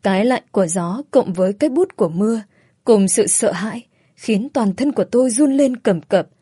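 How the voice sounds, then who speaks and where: A woman narrating an emotional first-person story in a calm, steady voice. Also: medium pitch, normal speed, breathy edge, no room sound, clean studio sound.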